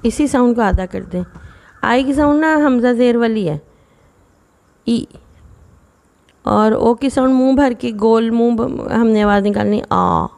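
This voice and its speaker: A woman teaching phonics to children in a patient, explaining way, sounding out words slowly. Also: on the high side, gravelly, darkish tone.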